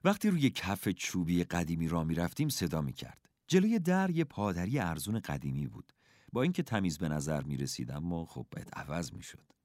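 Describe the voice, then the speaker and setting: A man narrates a first-person storybook in a lowish voice. His delivery is expressive and measured, with wide swings in pitch. The recording is dry and close. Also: no room sound. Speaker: audiobook narrator.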